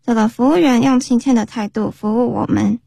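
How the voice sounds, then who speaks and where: Woman, radio lesson co-host, reads lines then translates, high gravelly voice, dry. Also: fairly even intonation, brisk, mellow, no room sound. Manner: reads each line first in English, then in its translation. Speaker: co-host reading dialogue lines. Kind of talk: reading lesson dialogue and translations.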